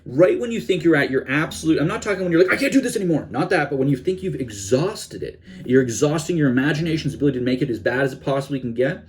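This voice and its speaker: Energetic young man coaching in a chatty way. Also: fairly high pitch, quick pace, few pauses. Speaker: self-help coach. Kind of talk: casual instructional talk to camera.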